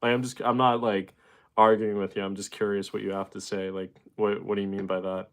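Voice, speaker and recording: Young man chatting on a livestream, smooth voice. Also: fairly low pitch, a little fast. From Boston, Massachusetts. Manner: relaxed, rambling, many fillers, greets chatters. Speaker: livestream host. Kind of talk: casual livestream chat reading viewer comments.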